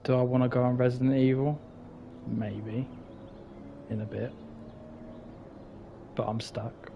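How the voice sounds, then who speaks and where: A man talks through his racing game in a loose, sweary stream commentary. He mutters wryly and mocks his own driving. Loud car engine noise from the game sits under his voice. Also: medium pitch, fairly even intonation, unhurried, gravelly, highs cut off. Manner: sweary, self-mocking, mutters wryly to himself. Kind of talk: casual live-stream commentary.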